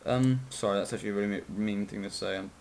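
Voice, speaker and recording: A man's voice: on the low side, fairly even intonation, fast, creaky, a little mellow, slight background noise. Sleepy, rambling young-sounding man explaining a game. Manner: rambling, apologetic, self-correcting, swears. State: sleepy, yawning. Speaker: game tutorial maker. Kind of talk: casual screen-recorded game tutorial.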